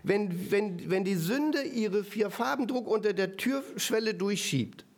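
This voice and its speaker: A male preacher giving a sermon in a lively, conversational way, often turning to the audience with short asides and switching between quick and slow, emphatic phrasing. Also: sits high.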